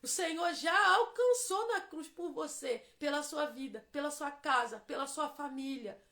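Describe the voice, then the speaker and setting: Brazilian woman preacher, high bright voice, gets fervent and shouty. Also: measured pace. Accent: Brazilian Portuguese. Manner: builds to fervent shouting, sing-song prayer. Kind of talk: live devotional sermon.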